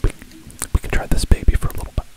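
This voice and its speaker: Man whispering ASMR, repeating himself. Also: very fast. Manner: soft unvoiced whisper, repeats phrases over and over; playful, goofy asides. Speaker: ASMR streamer.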